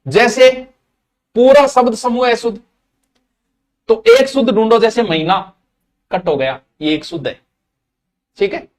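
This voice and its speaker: A high-pitched man with a Rajasthani accent runs a live online class on Hindi grammar for exam aspirants. He talks to his students casually and directly, drops into local dialect, and stretches key words out slowly to stress them. His voice is close to the mic. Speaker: Hindi grammar teacher for exams.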